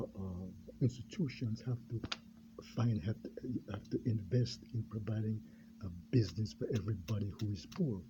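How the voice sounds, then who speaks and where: Halting low-voiced man from Jamaica. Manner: halting, full of fillers and repetition. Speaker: pastor and self-styled candidate. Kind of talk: rambling unscripted monologue. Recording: dull lo-fi recording with clear background noise.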